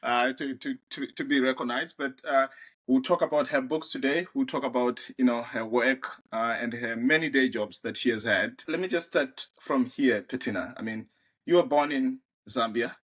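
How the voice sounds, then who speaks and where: A man's voice: medium pitch, normal speed, a bit bright. A man hosting an interview podcast, talking in a casual, friendly way with lots of hesitation and restarts. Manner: hesitant, many fillers and restarts, friendly laughs. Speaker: podcast host.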